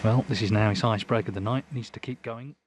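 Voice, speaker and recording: A man giving measured, analytical snooker commentary in a hushed, low-key way. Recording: noisy arena crowd behind, clicks. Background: loud snooker crowd.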